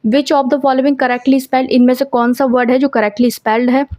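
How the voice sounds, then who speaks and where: A woman teaching an exam-prep grammar lesson, who asks a question and then answers it herself and reads the test sentences out slowly. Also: high-pitched, little pitch movement, a little mellow, no echo.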